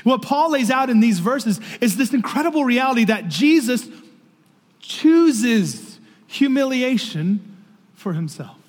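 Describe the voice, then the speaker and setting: A man preaching a sermon as pastor, slow and emphatic, falling to a hush on key phrases. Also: extremely high pitch, animated. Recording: reverberant hall.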